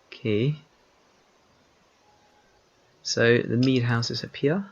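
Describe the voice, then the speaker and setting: A man's voice: medium pitch, steady tone, slow pace, breathy edge, lo-fi sound. A man hosting a game playthrough, reading the dialogue aloud with stumbles and self-corrections. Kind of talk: casual let's-play commentary with read-aloud dialogue.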